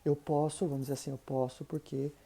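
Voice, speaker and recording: Low, dark-voiced woman teaching. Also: level tone, a little fast, gravelly, slight background noise. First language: Portuguese. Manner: patient, thinks aloud, frequent "né" and "tá" check-ins. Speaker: German teacher. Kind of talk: explanatory online lesson.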